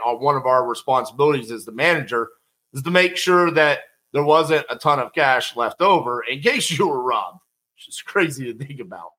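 A middle-aged man tells a personal story in a conversational, animated way, acting out the quotes. His voice is medium-pitched and the audio is poor.

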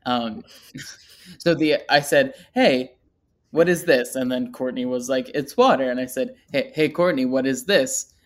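Speaking at a measured pace in a medium-pitched voice, this podcast co-host makes casual chat out of a rambling story, poking fun at themselves along the way.

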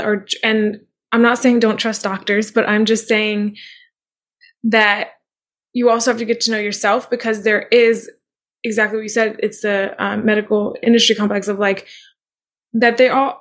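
A woman hosting a podcast, chatting eagerly and agreeing with her guest, rambling with "like" and "you know.". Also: fairly high pitch. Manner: enthusiastic, agreeing, rambling with fillers. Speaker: podcast host. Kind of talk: casual conversational chat.

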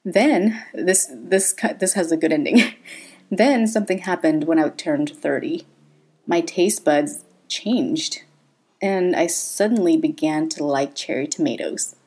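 This is a personal podcast monologue from a host in her thirties who was born in Thailand. She laughs a lot and speaks frankly, in a low, mellow voice with a breathy edge and a slightly slow pace.

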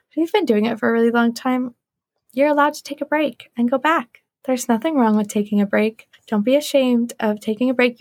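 Her voice fairly high and free of echo, a young woman chats on her solo podcast in an easygoing way. She comes across as sincere and supportive, dropping "like" often.

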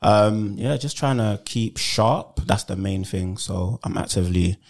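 A man, an actor, chatting casually on a podcast in a relaxed way, full of "you know" and "man". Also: on the low side, a little slow. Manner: relaxed, laid-back, many fillers like "you know" and "man". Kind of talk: casual chat.

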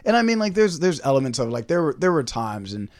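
A man's voice: medium pitch, sing-song, fast talker, dry recording. A young man, a former class president, chatting casually as a podcast guest, telling rambling, self-interrupting stories. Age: young adult. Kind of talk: casual storytelling chat.

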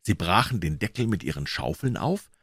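Male audiobook reader, deep and steady, dry studio sound. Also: breathy edge, no echo. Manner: measured, even storytelling. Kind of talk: reading a classic novel aloud.

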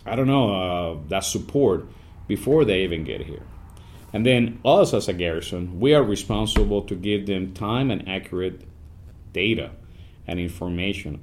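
A man, speaking as an Army command sergeant major guest in an upbeat, animated podcast interview. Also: on the low side. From Puerto Rico. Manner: upbeat, animated, speeds up and slows down.

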